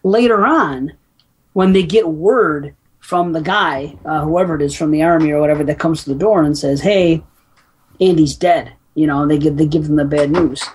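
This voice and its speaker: A woman co-hosting a podcast, casually retelling horror film scenes with a relaxed, profane manner. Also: low-pitched, moderate pace, slightly rough. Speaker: podcast co-host. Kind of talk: casual film review chat.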